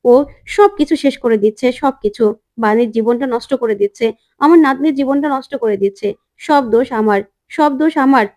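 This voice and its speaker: A woman putting on a stern older mother from a serial drama, who scolds her son sharply and blames herself. The voice is a little high, near the narrator's own. She speaks forcefully and repeats her words. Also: a little fast, lightly acted. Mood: lamenting. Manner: scolding, then lamenting.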